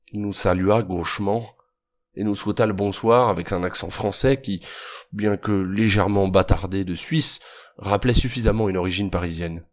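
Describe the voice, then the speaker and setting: A man narrating a classic story as an audiobook in a measured, even manner. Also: low voice.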